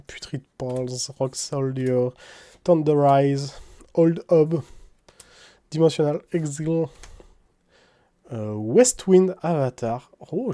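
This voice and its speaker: A man's voice: a little high, dark tone. A man opening trading card packs in casual commentary, reading English card names aloud in a French accent with wry asides.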